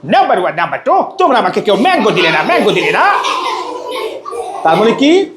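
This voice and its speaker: A man voicing a greedy, hungry chubby cartoon man in a high, whining comic voice with laughs in it. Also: sing-song, quick pace, roomy sound, noisy background. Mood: hungry, whiny.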